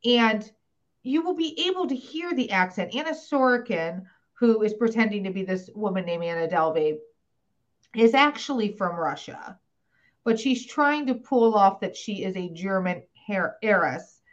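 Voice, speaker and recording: A woman hosts a podcast in loose, animated chat, leaning on fillers as she talks. Her pitch sits in a middle range. The audio is slightly dull. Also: unhurried. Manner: chatty, filler-heavy, animated. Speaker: podcast host. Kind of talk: casual chat.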